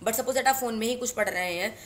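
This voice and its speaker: Indian woman teaching english, mixes hindi and english, faint noise in the back. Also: fairly high pitch. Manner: mixes Hindi and English, slow deliberate English phrases. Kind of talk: spoken English lesson.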